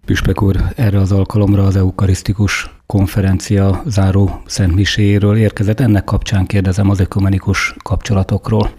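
A man's voice: sits low, monotone, few pauses, dark tone. A man hosting a radio interview, asking questions in a formal, courteous way. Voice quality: gravelly and husky. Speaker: radio host.

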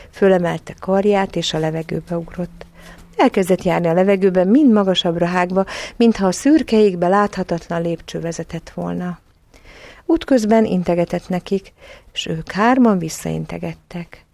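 A woman reading a children's audiobook as narrator, in calm, even storytelling. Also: lowish voice, creaky, dry recording.

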